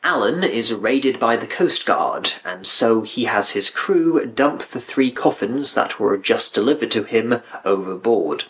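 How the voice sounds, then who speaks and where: A man's voice: mid-range voice, expressive, measured pace, hardly any pauses, fairly bright tone. A man reading scripted review narration with dry, critical asides. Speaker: video essay narrator.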